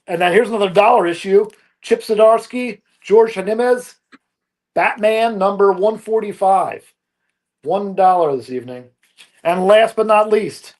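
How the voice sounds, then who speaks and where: Picture a man with a notably high voice selling comic books on a live stream. He rattles off issues and prices in an upbeat, brisk salesman's patter. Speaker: comic book seller on a live auction.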